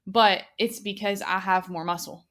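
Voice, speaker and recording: A woman's voice: medium pitch, fairly even intonation, moderate pace, fairly bright tone. A woman in her twenties hosting a podcast, chatting casually with lots of fillers. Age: 20s. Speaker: podcast host. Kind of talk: casual chat.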